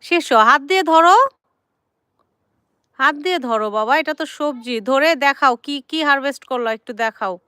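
A woman's voice: high-pitched, normal speed, pushed and bright, dry recording, studio quality. A woman in her thirties chatting casually in her garden for a vlog, coaxing her children along and talking to her viewers. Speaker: vlogger and mother. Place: home garden outdoors, sitting with tea.

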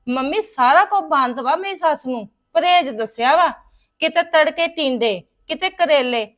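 A woman's voice: high voice, fairly bright tone. An actress playing a married daughter venting to her mother about her in-laws in a domestic drama. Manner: aggrieved, rapid complaining. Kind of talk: domestic web drama acting.

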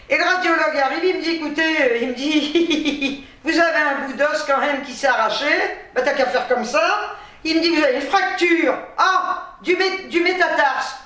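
A woman's voice: high-pitched, a bit bright, recorded from a distance. A tired woman telling a story to camera in a chatty, exasperated way, with laughing asides. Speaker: vlogger. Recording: very echoey room, off-mic.

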